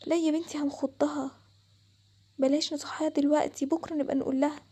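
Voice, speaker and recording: A sensible young cartoon girl brushes off her friend's fears in a dismissive, reassuring way, as a woman acts her out. She has an Egyptian accent and a very high, warm voice. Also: level tone, fast, natural voice. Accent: Egyptian Arabic.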